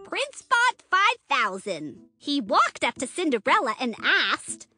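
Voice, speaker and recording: A woman narrating a scripted children's story with animated, dramatic build-up. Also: high-pitched, slow, soft background music.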